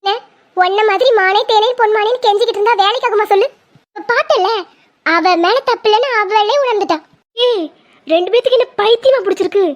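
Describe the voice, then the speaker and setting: A woman's voice: very high voice, a little fast. A woman voicing a blunt young female friend who scolds in a cartoon. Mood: chiding. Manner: chiding, blunt.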